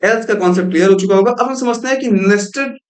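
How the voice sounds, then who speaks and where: Talking fast in a high voice, a young man runs through a screen-recorded programming lesson. His step-by-step explanations lean on English terms and a frequent "thik hai."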